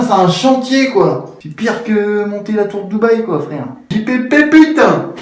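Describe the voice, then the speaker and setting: A man joking and swearing loudly as he struggles through a chaotic do-it-yourself repair video, muttering one moment and yelling the next. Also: high voice, far from the mic. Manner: swearing, frustrated, joking, swinging between mutters and yells. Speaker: YouTuber. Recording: very echoey room, faint noise.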